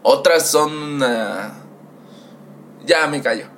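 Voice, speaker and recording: A young man with a Mexican Spanish accent telling a crude story in casual chat, animated and acting out voices. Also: a little high, very slow. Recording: faint background noise.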